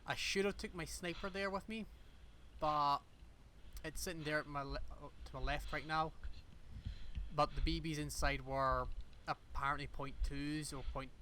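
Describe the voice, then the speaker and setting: Man, casual voice-over, rambling, self-deprecating, mid-pitched, faint background hiss. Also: fairly even intonation, moderate pace, bright, forceful tone. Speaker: airsoft player narrating his own footage.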